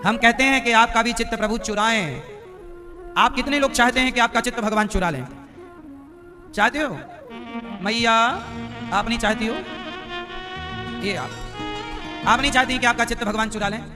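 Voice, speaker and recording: A man's voice: very high-pitched, moderate pace, long pauses, music in the background. A man giving a live devotional discourse, teasing and quizzing his audience with questions. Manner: teasing, quizzing listeners directly. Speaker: preacher. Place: live religious gathering.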